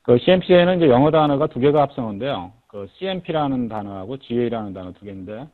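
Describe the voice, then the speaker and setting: A man being interviewed about his book, explaining his work in a measured, step-by-step way. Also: medium pitch, lively intonation. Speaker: guest, insurance agency head. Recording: tinny lo-fi radio-like audio.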